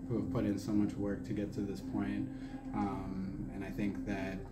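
A man's voice: fairly low pitch, completely flat delivery, moderate pace, loud music behind the voice. A man, a hockey player, answering reporters' questions after a game with confident, defiant answers and short laughs. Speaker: hockey player at post-game press availability. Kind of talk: post-game press interview. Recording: echoey room, distant mic, loud background noise.

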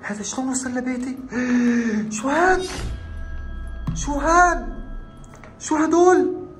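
Man, high voice, excitable, feigned fear, horror vlog, echoey room. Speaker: vlogger. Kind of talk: horror prank vlog narration. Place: room at home.

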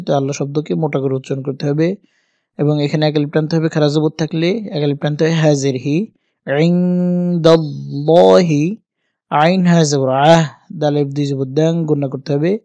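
A man with a fairly high but mellow voice, spelling out letters one at a time in a slow recitation lesson. He keeps his delivery flat and even, like a patient teacher. The sound is close and dry. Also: no echo. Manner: spells out letters and vowel marks slowly, one by one; addresses viewers directly as teacher. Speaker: Quran reading teacher. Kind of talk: step-by-step Quran recitation lesson.

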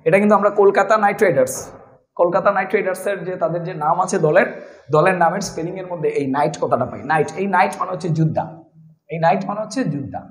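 High-voiced man teaching English in Bengali. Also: fast, reverberant, poor audio. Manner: explains step by step, spells words letter by letter. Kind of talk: spoken English lesson.

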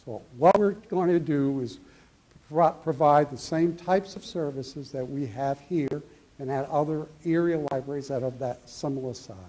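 Speaking a little high with a dark tone at a moderate pace, a middle-aged man walks a town hall audience through plans for a library project. He answers their questions on a handheld microphone in a meeting room.

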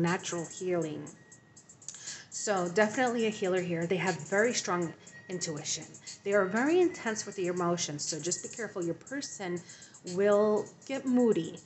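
A woman giving a tarot reading to her viewers, speaking in a reassuring way with frequent ums and repeated phrases. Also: medium pitch. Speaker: tarot reader.

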